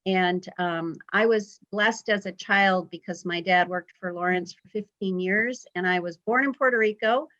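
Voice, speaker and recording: A woman's voice: medium pitch, moderate pace, few pauses, a bit bright, dull audio. A woman in her fifties, a health emergency preparedness specialist, giving a friendly, informal talk on a video call with frequent ums and uhs. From Vermont. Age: 50s.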